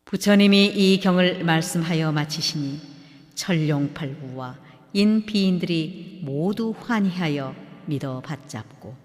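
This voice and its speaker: A man, a monk, reciting a sutra in a steady, solemn reading. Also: on the high side, unhurried. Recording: long hall reverb.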